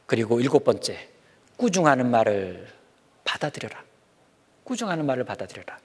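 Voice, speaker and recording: A man giving a children's sermon, speaking in an animated way and asking the kids questions as he goes. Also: mid-range voice, a little fast, husky. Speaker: children's preacher.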